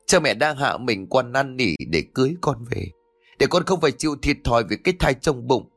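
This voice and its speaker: A man's voice: sing-song, normal speed, fairly bright tone, slightly rough, dry recording, faint music behind, heavily acted. A man voicing a grieving older village mother who wails and scolds in a raised voice. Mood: weeping. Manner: wailing, shrill.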